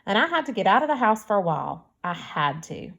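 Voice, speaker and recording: A woman's voice: medium pitch, sing-song, brisk, creaky, fairly bright tone, heavily acted. A woman reading the part of an anxious, secretive invisible teenage boy in an audiobook.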